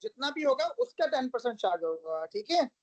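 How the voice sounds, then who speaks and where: A woman's voice: high-pitched, sing-song, a little fast, no room sound, dull audio. A woman teaching a math lesson, explaining each step patiently and checking that her students follow. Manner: patient, step-by-step, calls listeners "beta" and asks check questions. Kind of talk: recorded math lesson, mixing English into explanations.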